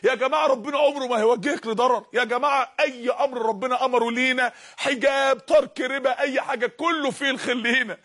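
A man's voice: very high voice, steady tone, fast talker, sharp tone. A man with an Egyptian Arabic accent giving an impassioned Islamic sermon, repeatedly exhorting his listeners. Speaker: preacher.

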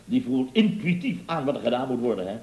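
A pompous, boastful contractor boss. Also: male voice, mid-range voice, very animated, quick pace, darkish tone, reverberant, slight background noise, poor audio. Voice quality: pompous, rambling storyteller. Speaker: boss of a building firm. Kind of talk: 1960s radio comedy acting.

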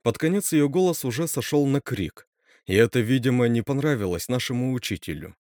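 A man's voice: mid-range voice, brisk, no echo, studio quality. Man reading a horror story expressively. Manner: expressive, voices every character himself. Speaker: narrator. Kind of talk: scripted horror story narration.

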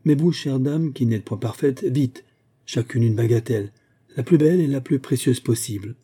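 A man's voice: mid-range voice, normal speed, mellow, breathy edge, lightly acted. A man voicing a proud, defiant young schoolgirl who speaks in a haughty, insistent way. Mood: urgent.

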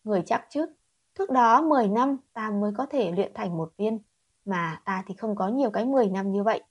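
A woman voicing a weary healer in a storybook reading, speaking calmly and persuasively. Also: mid-range voice, a little fast, husky, lo-fi sound. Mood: persuading. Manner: calm, gently persuading. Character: weary healer who brews rare medicine.

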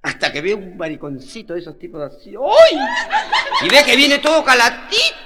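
A man with a Peruvian Spanish accent telling street jokes as a comedian, in rapid slang, acting out the characters and laughing along. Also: sits high, very animated, very noisy. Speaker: stand-up comedian.

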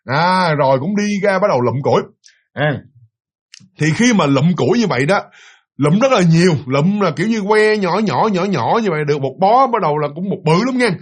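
A man with a Southern Vietnamese accent tells a ghost story in a loose, conversational way. His voice sits high for a man, and he circles back, repeats phrases and talks straight to his listeners. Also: lively intonation, brisk, breathy edge. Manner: rambling, repetitive, addresses listeners. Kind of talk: casual ghost-story telling.

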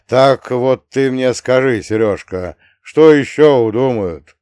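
A man voicing a gruff, hard-drinking old male war veteran who grumbles and swears, in an audiobook. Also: mid-range voice, takes it slowly, a little mellow, no echo, natural voice. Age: older.

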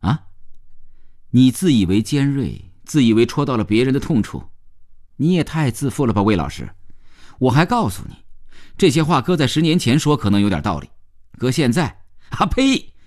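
A man's voice: mid-range voice, big pitch swings, normal speed, long pauses, darkish tone, pitched above the performer's own voice, lightly acted. Man doing a mocking, proud young worker. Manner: sarcastic, combative.

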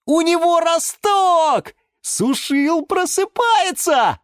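A friendly boy exclaims with eager excitement, voiced by a woman reading aloud. His storybook voice sits high and swings widely, recorded dry and close. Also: slow, no echo. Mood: excited.

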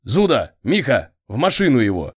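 A man's voice: mid-range voice, wildly swooping pitch, normal speed, breathy edge. A man voicing a cold, laconic street gang leader who drawls his vowels. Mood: commanding.

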